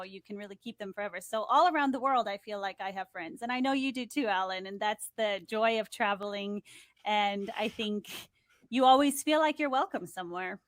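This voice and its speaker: A woman's voice: medium pitch, dry recording, studio quality. A young woman telling stories as the guest of an interview in an upbeat, chatty way. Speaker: guest, TV host and producer. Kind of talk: conversational interview.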